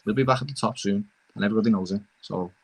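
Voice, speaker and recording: Man, young adult, Scouse accent, low voice, passionate, casual football debate. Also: racing, crowd noise. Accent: Liverpool (Scouse). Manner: passionate, repeatedly says "lad", animated. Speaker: Liverpool fan panelist on football podcast.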